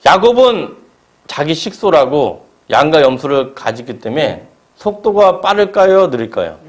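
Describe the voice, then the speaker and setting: A man's voice: a little high, sing-song, a little slow. A male preacher at a church service, preaching a sermon and asking the congregation paired questions. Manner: asks the congregation question-and-answer pairs.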